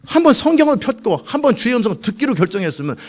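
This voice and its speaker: Fast, animated preaching man. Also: very high-pitched. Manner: animated preaching, acting out quoted prayers. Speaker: pastor. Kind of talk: sermon.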